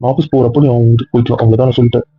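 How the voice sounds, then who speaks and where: A man playing a stubborn, fast-talking husband. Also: mid-range voice, slightly rough, no room sound, close to an everyday voice. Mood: firm. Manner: insistent, keeps ending points with a flat final word. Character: headstrong young husband, stubborn and protective. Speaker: husband character. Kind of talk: amateur audio drama acting. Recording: tinny phone-like dry recording.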